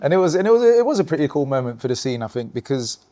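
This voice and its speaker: Mellow-voiced man telling stories. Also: on the high side, racing. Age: adult, looking back on youth. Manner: animated storytelling, many restarts and "you know". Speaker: guest, breakdancer. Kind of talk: casual interview storytelling.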